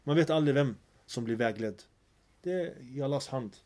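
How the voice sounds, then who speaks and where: A man's voice: mid-range voice, darkish tone. A man giving an earnest religious lecture, telling stories and mixing in phrases. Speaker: preacher.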